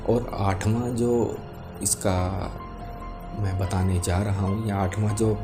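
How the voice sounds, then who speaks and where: Male spiritual explainer, calm and gentle, level low-key melody, clearly audible music bed behind him. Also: takes it slowly. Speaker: spiritual teacher. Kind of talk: spoken religious explainer to viewers.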